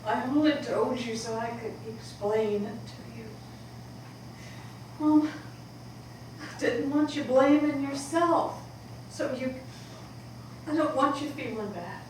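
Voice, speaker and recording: A woman acting the part of a weary adult daughter in a stage play, speaking in a calm, measured, resigned way. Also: sits high. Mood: explaining. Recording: echoey hall from far off, background noise.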